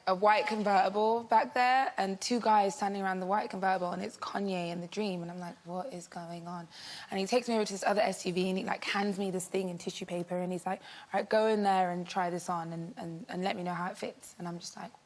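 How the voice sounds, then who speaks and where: Chatty woman telling an anecdote. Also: mid-range voice. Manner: chatty, storytelling, full of "like". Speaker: talk show guest. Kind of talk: casual anecdote.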